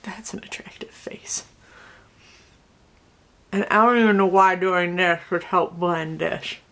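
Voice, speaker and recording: Speaking at a measured pace in a lowish, steady, fairly bright voice, this young woman does a casual get-ready-with-me makeup video with slight background noise. She's a beauty vlogger from Connecticut and the US South with a slight Southern accent, snarky and muttering asides.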